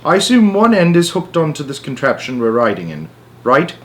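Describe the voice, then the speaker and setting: A man voicing a cranky, suspicious old grandmother from a storybook, croaky and complaining. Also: on the high side, huge pitch swings, moderate pace, fairly bright tone, voice pushed up. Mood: suspicious, querulous. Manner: blunt, complaining.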